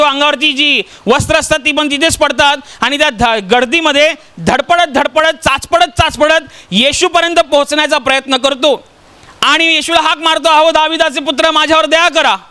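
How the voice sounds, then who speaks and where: Man preaching, very high voice, bright and forceful, storytelling sermon, rhetorical questions. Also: moderate pace. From Maharashtra, India.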